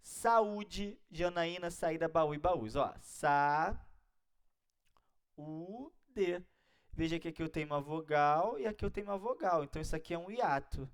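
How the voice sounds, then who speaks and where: A man's voice: a little high, a little fast, hardly any pauses, smooth. A man with a Brazilian Portuguese accent teaching an exam-prep grammar lesson, explaining step by step and checking in with his students often. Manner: didactic, keeps checking in with listeners.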